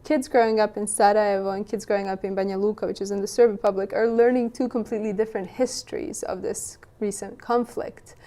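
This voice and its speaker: Woman, young adult, mellow tone, mid pitch, thoughtful interview guest, restarts. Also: fairly even intonation, fast, few pauses. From Western Bosnia. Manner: thoughtful, many restarts and "you know". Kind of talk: interview answers.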